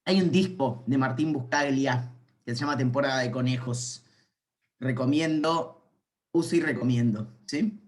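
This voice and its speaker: A man's voice: medium pitch, a little slow. Playful man lecturing. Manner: playful, rambling asides, thinking aloud. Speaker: university calculus lecturer. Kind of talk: informal online lecture.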